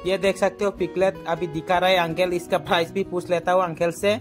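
Brisk and level, a young man's high-pitched voice carries through soft background music as he vlogs an outdoor market via an arm's-length phone. He keeps up friendly chatter, greets viewers as "guys," and asks prices.

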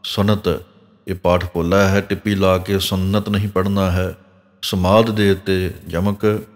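A man teaching scripture pronunciation in a measured way, breaking verses phrase by phrase and marking each pause. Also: low-pitched, flat delivery. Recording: long hall reverb.

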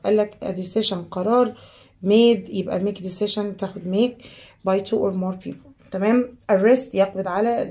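A woman's voice: medium pitch, vocal fry, warm tone. A young woman with an Egyptian Arabic accent, teaching secondary school students English vocabulary word by word and mixing English terms into Arabic. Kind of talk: vocabulary lesson.

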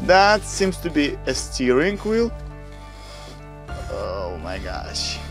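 Over background music, a young vlogger with a Slavic accent narrates his exploration of a snowy boat cabin in winter, eagerly describing each find in non-native grammar. He speaks slowly in a fairly high-pitched voice.

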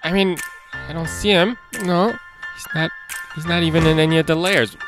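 A man, perhaps in his thirties, with a fairly high voice and fairly even intonation, speaks at normal speed over music. He playfully hosts a step-by-step drawing lesson for children, talking to himself as he draws.

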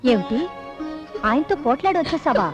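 An actress playing a knowing aunt next door who gives advice in a film scene. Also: female voice, high voice, sing-song, fairly quick. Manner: advising, knowing. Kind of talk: film dialogue. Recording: dull sound with music behind.

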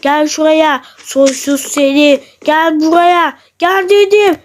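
A high-voiced player dropping their pitch to voice a sneaky male thief who steals animals in a block-building game role-play, gloating and making threats. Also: flat delivery, takes it slowly. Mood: threatening.

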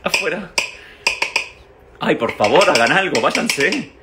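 An Argentine-accented social media vlogger in his thirties chats casually to his followers from home, mostly in the kitchen, in a slightly high, animated voice at a slow pace. He is dramatic and exclamatory, often repeating himself. The roomy, noisy recording comes from a handheld phone held at varying short distances.

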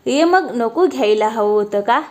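A fond, teasing young husband from a read-aloud storybook, as a woman narrator puts him on. He coaxes and jokes with warmth, his voice sitting a touch high. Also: expressive, measured pace. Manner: teasing, affectionate.

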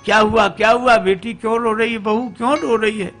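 A man's voice: a little high, a little slow, pushed and bright, faint music behind. A man voicing a bossy old village mother-in-law who scolds and fusses. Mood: scolding. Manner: scolding, fussy.

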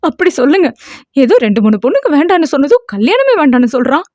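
A woman's voice: high voice, big pitch swings, fast, darkish tone, no echo, highs cut off, pitched above the performer's own voice. A woman voicing a distressed middle-aged mother in an audio novel, pleading and scolding with emotion. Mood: tearful.

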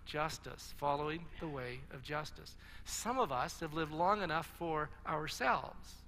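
Earnest pastor preaching in a reverberant hall. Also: male voice, fairly high pitch, bright, forceful tone. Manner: earnest, conversational preaching with restarts and asides. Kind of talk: sermon. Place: large church hall. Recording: long church-hall reverb.

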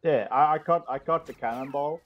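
A man in casual gaming voice chat, talking haltingly, repeating words and teasing the other players. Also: fairly high pitch, muffled recording. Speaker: player in an online battle game.

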